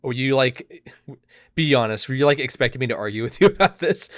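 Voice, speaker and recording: A young man with a frat-bro manner chats casually on a podcast. His pitch is middling and the sound is dry and close, with loose slang and swearing throughout. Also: expressive, fairly quick, no room sound. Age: young adult. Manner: laid-back frat-bro talk, peppered with dude and swearing. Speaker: podcast host. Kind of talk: casual chat.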